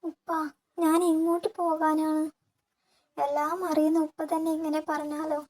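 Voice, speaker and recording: A woman voicing a gentle, patient young wife who pleads and sobs. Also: sits high, little pitch movement, normal speed. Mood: sobbing pleading. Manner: pleading and sobbing.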